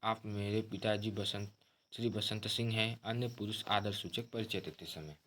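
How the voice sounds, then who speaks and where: A man's voice: on the low side, fairly even intonation, moderate pace, a bit bright, slight background noise. A man teaching a grammar lesson, explaining terms steadily and often addressing listeners as friends.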